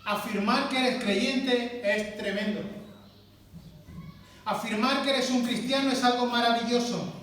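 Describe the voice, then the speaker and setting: Emphatic preacher in an echoing church. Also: male voice, very high-pitched, fairly even intonation, unhurried, a bit bright. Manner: emphatic preaching, repeating words for stress. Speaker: pastor. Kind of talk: sermon. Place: church hall. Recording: very echoey church from far off.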